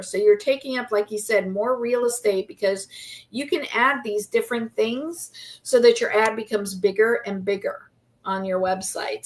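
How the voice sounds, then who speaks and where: A woman co-hosting a business webinar, explaining in a friendly way with wry asides. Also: medium pitch. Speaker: webinar co-host.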